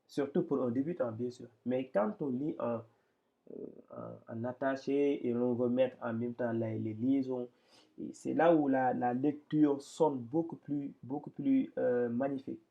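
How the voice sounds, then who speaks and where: Patient man teaching, gravelly voice. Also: medium pitch, steady tone, unhurried, phone-quality sound. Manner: patient, repeats and restarts often. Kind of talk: explaining Arabic reading step by step.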